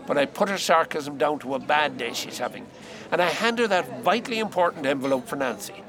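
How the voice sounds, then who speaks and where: An actor playing a cocky, wisecracking male pub piano player, telling his story with lively mimicry. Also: on the high side, fairly quick, a crowd in the background, lightly acted.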